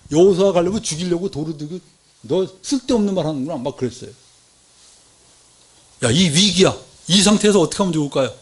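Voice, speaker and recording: A man preaching a Sunday sermon in a church, telling stories, putting questions to the congregation and acting out quoted speech. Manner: lively storytelling, asks the congregation questions; acts out quoted Bible speech with big pitch swings. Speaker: lay preacher.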